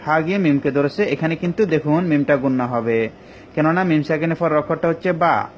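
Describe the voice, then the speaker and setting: A male teacher giving an online Quran recitation lesson, explaining each rule patiently and step by step with many pauses. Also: a little high. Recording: dull lo-fi recording with faint ambient noise.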